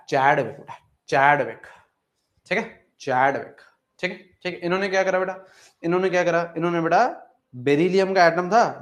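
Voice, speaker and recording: Repetitive, higher-voiced chemistry coaching teacher. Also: male voice. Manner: repetitive, addresses students as beta, mock student questions. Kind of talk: exam coaching lecture.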